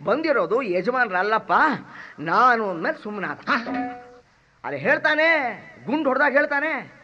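An actor playing a cheeky comic servant who rattles off insults and mocks others in stage comedy style. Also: male voice, extremely high pitch, very animated, soft background music. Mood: mocking. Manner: rapid strings of abusive insults, mocking mimicry. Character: cheeky comic male servant, loud and mocking. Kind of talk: stage comedy drama acting. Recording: dull lo-fi drama recording.

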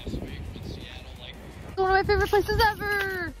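A woman's voice: extremely high pitch, little pitch movement, unhurried, music in the background. A woman in her twenties chatting casually to a handheld camera in a vlog, bubbly and full of filler words. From USA. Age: 20s. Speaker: vlogger. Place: apartment, car and outdoors. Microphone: handheld phone or camera at arm's length.

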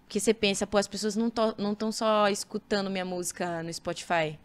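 Chatty young Brazilian woman with a smooth voice. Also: medium pitch, quick pace. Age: young adult. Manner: chatty, animated, with many fillers and restarts. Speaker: singer, podcast guest. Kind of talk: casual interview chat.

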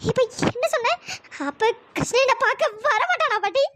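Voice actor doing a squeaky, lovesick cartoon girl. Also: brisk, very noisy. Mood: pleading. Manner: pleading, repeatedly asking questions. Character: lovesick young woman pining for her sweetheart. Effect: pitch-raised voice. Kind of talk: cartoon storytelling dialogue.

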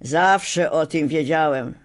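A woman's voice: low voice, slow. A woman voicing a huge but cowardly male lion in a storybook reading, humble and hesitant. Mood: sheepish.

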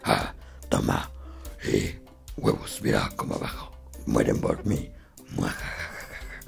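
Gravelly demonic goat voice. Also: male voice, expressive, slow, faint music behind, exaggerated voice. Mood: gloating. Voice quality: deep gravelly demonic growl. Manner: evil cackling, gloating. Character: growling satanic goat voice, gleeful and menacing.

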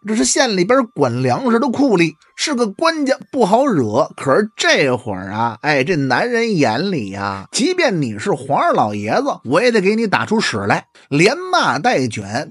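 A storyteller telling a traditional tale in a lively, colloquial and dramatic manner. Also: medium pitch, slightly rough, dry recording.

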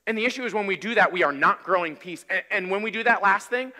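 This sermon comes from a pastor in his thirties who speaks fast and with energy, in a conversational style, at the pulpit of a large church. The voice is high, bright and forceful, echoing with a long hall reverb.

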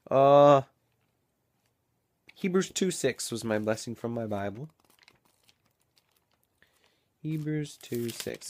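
A young man vlogging casually at home, rambling and thinking out loud into a built-in camera mic. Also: mid-range voice. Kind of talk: casual daily vlog.

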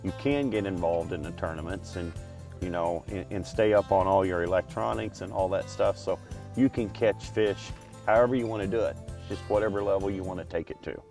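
A man who fishes catfish tournaments, talking in a relaxed, plain-spoken way on an open boat. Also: low voice, fairly quick, faint music behind. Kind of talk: casual fishing show talk.

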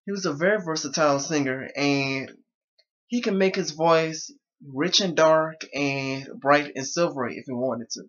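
A young male vlogger talks casually to the camera from a small bedroom, his voice sitting on the high side and sounding a little strained. The tone is fairly bright, though the recording cuts off the highs.

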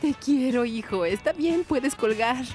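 A woman's voice: sits high, animated, a little slow, darkish tone, faint music behind. A giddy, doting mother. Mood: gushing. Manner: gushing, laughs often, theatrical. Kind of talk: Spanish-dubbed TV drama.

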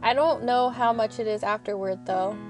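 With soft music in the background, a student vlogger in her young adult years talks from her parked car in a loose, rambling voice-over. She sounds earnest and frank, her voice a little high, her intonation fairly even, and her speed normal.

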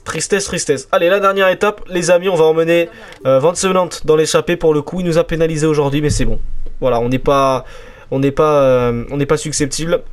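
Excitable French gaming commentator, man. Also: a little high. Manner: excitable, chatty, cheering on his riders. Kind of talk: let's-play commentary of a cycling game.

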